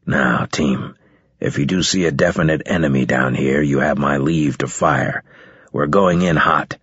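A man voicing a stern male military officer who gives clipped, curt orders, with a husky voice. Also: rumbling low, measured pace, fairly bright tone, no room sound, dull audio, pitched below the performer's own voice, exaggerated voice.

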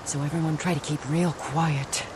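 A woman's voice: lowish voice, moderate pace, background noise, natural voice. A woman playing a watchful, bossy lookout with a cautious, plain-spoken manner in an adventure audio drama. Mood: stern, cautious.

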